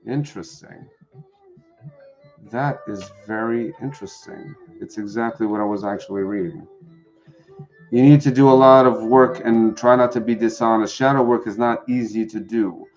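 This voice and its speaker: A man's voice: mid-range voice, fairly even intonation, moderate pace, darkish tone, dull audio, soft background music. A man doing a live-streamed tarot reading, chatting with viewers and answering the chat. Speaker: tarot reader.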